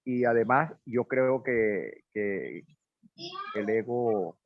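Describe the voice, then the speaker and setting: A man's voice: medium pitch, very slow, dry recording. A man from Portugal raised in Venezuela, telling a personal story in a hesitant conversational way with many fillers. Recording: dry, phone-like band.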